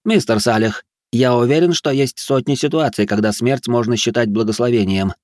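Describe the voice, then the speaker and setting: A man's voice: medium pitch, animated, a little fast, darkish tone, no room sound, studio quality, pitched above the performer's own voice, lightly acted. A man voicing a stubborn young aristocratic ex-soldier who argues in a raised, indignant tone. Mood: argumentative.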